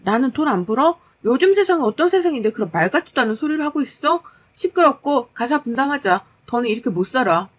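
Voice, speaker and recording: A woman voicing an exhausted, fed-up young working wife, scolding in a sharp, exasperated way. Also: high-pitched, expressive, quick pace, few pauses, voice pushed up.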